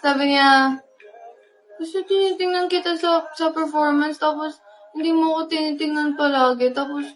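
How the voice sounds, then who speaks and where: A young woman with a Filipino accent, casually telling a story, animated and laughing as she acts out what was said. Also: high voice, moderate pace, faint music behind, low-quality recording. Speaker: pop group member.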